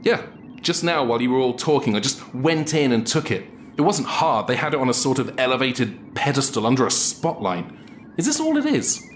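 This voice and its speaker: A man's voice: medium pitch, very animated, brisk, slight background noise, close to an everyday voice. A man playing an exasperated, sarcastic sidekick who stammers when flustered, in an audio drama.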